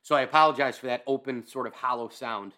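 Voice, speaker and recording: Bright-voiced man talking sports. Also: mid-range voice, steady tone, quick pace. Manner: conversational, repeats phrases, asks "right?" for emphasis. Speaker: sports podcast host. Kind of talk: casual solo sports commentary.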